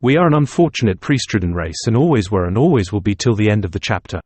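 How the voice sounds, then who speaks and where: A man reading the part of a mocking, bitter but jovial middle-aged father, in a low voice. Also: lively intonation, fast talker, a little mellow, husky, no room sound. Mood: sardonic.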